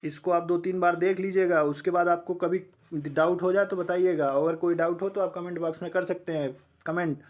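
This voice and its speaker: High-voiced man teaching an exam-prep lesson. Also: fairly even intonation, lo-fi sound. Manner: drills learners with questions he answers himself; sounds out letters slowly one by one.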